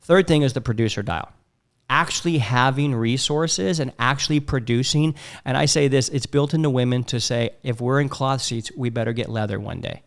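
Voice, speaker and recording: Guy hosting a marriage podcast, swears a lot, tells big animated stories, normal pitch. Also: normal speed. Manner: animated storytelling with profanity. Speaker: podcast host, marriage coach. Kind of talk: casual podcast chat.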